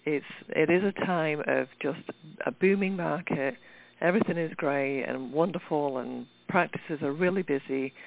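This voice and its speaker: A radio show host with a low, gravelly voice chats upbeat through a hosted interview, sprinkling in lots of "you know." The sound comes over a lo-fi, phone-like line.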